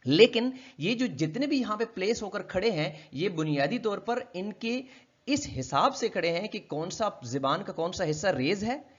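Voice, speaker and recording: Lecturer, male, from Pakistan: slightly high voice, asks his own questions and answers them, muffled lo-fi recording. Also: lively intonation, moderate pace. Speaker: linguistics lecturer. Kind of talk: explaining a textbook chapter in a recorded lecture.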